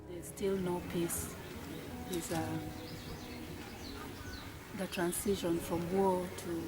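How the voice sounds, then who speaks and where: A woman giving a slow, hesitant interview answer, sometimes repeating words. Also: lowish voice, flat delivery, over loud music.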